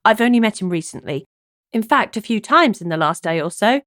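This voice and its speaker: A woman's voice: mid-range voice, lively intonation, brisk, fairly bright tone, no room sound, clean studio sound, natural voice. A woman voicing a playful, flirtatious female amateur sleuth in a cozy mystery audiobook. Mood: casual, curious.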